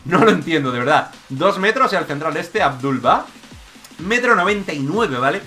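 Excitable young gaming commentator. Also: male voice, a little high, faint music behind. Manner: excitable, jokey, rapid shifts between shouts and mutters. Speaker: gaming YouTuber. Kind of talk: energetic gameplay commentary.

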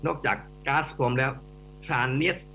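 Speaking extremely slowly with vocal fry, a middle-aged man who teaches economics offers lively, forceful remarks as a radio talk show guest, addressing the hosts themselves. His voice sits in the mid-range. A faint mains hum runs under the studio recording.

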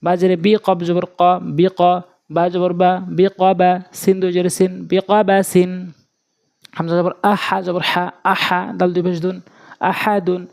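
A Quran reading teacher from Bangladesh with a Bangladeshi Bengali accent, giving a lesson as a steady, repetitive sing-song spelling drill. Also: medium pitch, a little slow.

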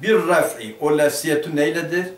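This Turkish madrasa lesson has a man explaining a grammar text at normal speed in a fairly high voice. He asks the class questions and answers them himself, and the mic catches him from a distance in a roomy classroom.

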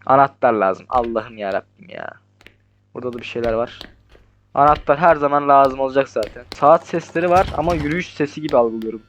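A young man commentating his horror game playthrough, talking nervously to the monster and swinging between hushed mutters and startled yells. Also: mid-range voice, brisk, highs cut off, slight background noise. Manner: jumpy, talks to the monster, swings from hushed to yelling. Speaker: gaming YouTuber.

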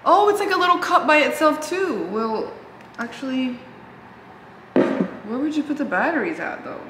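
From a small indoor home gym, a fitness vlogger in her twenties chats to camera at normal speed, giggling and slipping in Spanish. Her voice sits high and a bit bright with lively intonation, and the lapel mic recording has an echoey room and a little hiss or hum.

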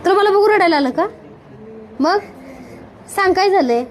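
A woman's voice: very high-pitched, expressive, moderate pace. A woman, a video creator, chatting with visitors who came to meet her, teasing and reassuring them and repeating her questions. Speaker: video creator meeting viewers. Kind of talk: casual chat with visitors. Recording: crowd chatter behind the voice.

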